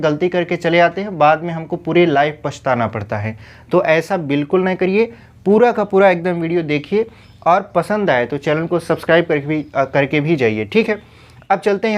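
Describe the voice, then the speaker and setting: A man's voice: on the high side, fairly quick. Man teaching Hindi spelling, step by step. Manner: explains step by step with rhetorical questions. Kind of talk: exam-prep grammar lesson.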